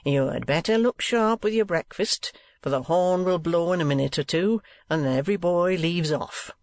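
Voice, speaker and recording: A man voicing a greedy, sanctimonious middle-aged schoolmaster in a storybook reading, with an oily, drawn-out, preachy delivery. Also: on the high side, no room sound, voice pushed up, close to an everyday voice.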